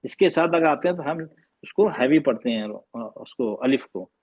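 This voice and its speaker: With a medium-pitched, slightly rough voice, a man speaks in an animated way at a normal speed, patiently drilling Arabic letter sounds in an online class and repeating them. He mixes English phrases into his Hindi. Through his video call microphone the audio is narrow and tinny, with no room sound.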